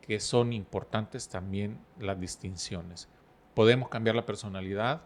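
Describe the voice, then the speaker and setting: A middle-aged man, a podcast guest who talks calmly and explains with stories and analogies. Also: fairly low pitch, a little hiss or hum. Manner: storytelling, explains with analogies, calm and measured. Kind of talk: relaxed podcast conversation.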